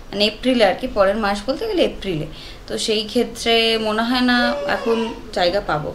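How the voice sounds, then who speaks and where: A woman vlogging casually at home and on the way out, chatty and speaking directly to viewers. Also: mid-range voice. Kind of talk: casual vlog narration. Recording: clear vehicle noise behind.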